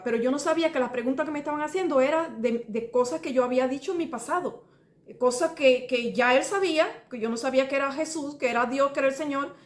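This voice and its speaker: A middle-aged Cuban woman with a Cuban Spanish accent, telling a personal religious testimony in a rambling, earnest way, repeating details and calling the listener brother. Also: high-pitched. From Cuba. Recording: roomy echo.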